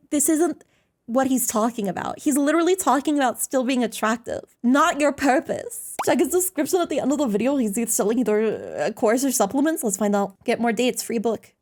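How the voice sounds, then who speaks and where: A woman's voice: fairly high pitch, darkish tone. A woman talking like a cute anime streamer, giving teasing, exasperated, slangy reaction commentary on a livestream.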